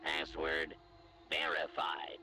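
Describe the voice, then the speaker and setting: A man voicing a bank terminal computer that announces its processing in clipped, monotone machine phrases. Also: extremely low pitch, slow, gravelly, slight background noise, full character voice. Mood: flat, mechanical. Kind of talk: video game computer voice.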